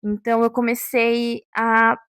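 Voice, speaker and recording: A young woman talks off the cuff in a casual vlog. Her voice sits a little high, and she keeps checking in with her listeners. The sound is dry and close, with no room around it. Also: completely flat delivery, a little slow, fairly bright tone, dry recording. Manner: chatty, checks in with listeners often. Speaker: vlogger. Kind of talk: unscripted casual vlog talk.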